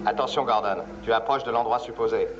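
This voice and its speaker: An actor playing a calm male rescue controller who talks in clipped radio procedure over a radio transmission, in a dubbed adventure series. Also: mid-range voice, fast, highs cut off, over loud music. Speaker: rescue pilot at mobile control.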